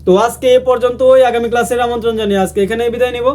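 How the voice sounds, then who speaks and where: A man from Bangladesh teaching a language lesson, slowly and patiently repeating each sound for his viewers. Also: very high voice, steady tone, a little mellow. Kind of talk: lesson explaining how to say letters.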